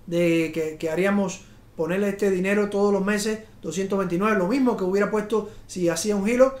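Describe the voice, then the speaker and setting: A man's voice: high-pitched, fairly quick, darkish tone. A middle-aged man hosting a live talk on home finance, rambling with restarts and fillers in an upbeat sales tone. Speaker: realtor and show host. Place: studio in front of a slide screen. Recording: echoey studio room.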